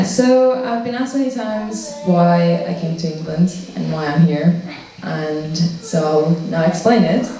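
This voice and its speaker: A woman's voice: on the low side, mellow. Young woman giving a hesitant church testimony. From Romania. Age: 20s. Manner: hesitant, many ums and restarts. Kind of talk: personal testimony talk. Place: room with a live audience. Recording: very echoey room, from a distance, faint noise.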